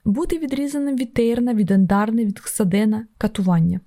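A woman reads a novel aloud in the first person, keeping a steady, even storytelling delivery. Her voice sits fairly high but sounds mellow and warm rather than bright. It is an audiobook narration from start to finish. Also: fairly quick.

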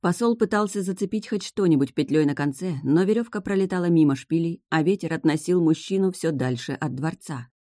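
An audiobook narrator reading a fantasy novel in an even, measured storytelling manner. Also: mid-range voice, dry recording. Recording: dry close studio sound.

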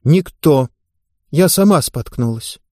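A man's voice: fairly high pitch, expressive, takes it slowly, no room sound, studio quality. Man doing a defiant young girl gymnast. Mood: subdued. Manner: quiet, restrained defiance.

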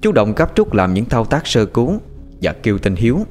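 A man narrating a scripted story in an animated, expressive way. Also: mid-range voice, fairly quick, soft background music.

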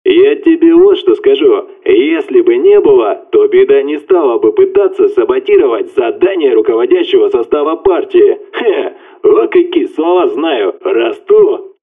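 A man voicing a brash, loud male buddy heard over a phone line, with blunt, rowdy, slang-filled talk. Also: mid-range voice, very animated, moderate pace, slightly rough, voice pushed up. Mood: boastful. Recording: tinny phone-line sound.

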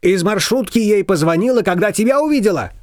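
A man's voice: high-pitched, expressive, darkish tone, dry recording, clean studio sound, pitched above the performer's own voice. A man reading an audiobook voicing a bossy, meddling middle-aged female neighbor who scolds and gives orders. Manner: pushy, scolding, rapid-fire demands.

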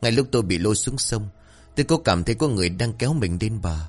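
A man's voice: lowish voice, lively intonation, fast talker, faint music behind. Man voicing an anxious village mother. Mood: troubled. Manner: pleading, worried questioning. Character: anxious village mother, middle-aged woman.

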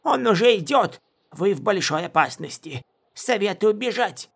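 A pompous little mage with a thin, squeaky, oddly colored voice, all offended bluster and empty threats. He sounds unlike any ordinary man, high above a normal speaking register. It comes across like a storybook fool boasting far beyond his powers. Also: big pitch swings, unhurried, gravelly, fairly bright tone, heavily acted. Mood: boastful. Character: boastful foolish male mage, high and strange.

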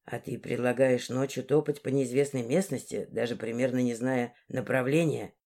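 Audiobook: woman playing a young guy, low and muttered, weary. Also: fairly even intonation, normal speed. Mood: skeptical. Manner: quiet and muttered. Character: weary, practical young man. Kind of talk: audiobook character voice.

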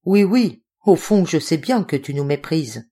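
A woman's voice: low-pitched, lively intonation, a little slow, warm tone. Woman reading as a trembling young woman. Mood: pleading. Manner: pleading, trembling. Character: tearful young woman of the woods.

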